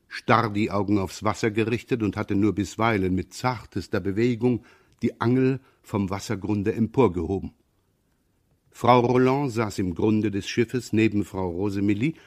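A man reading a classic novel aloud as an audiobook narrator, in a measured, even storytelling manner. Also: fairly low pitch. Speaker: audiobook reader. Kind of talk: scripted literary narration.

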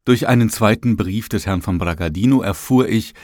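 A man narrating an old memoir as an audiobook, in a measured, even reading. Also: fairly low pitch, dry recording, studio quality.

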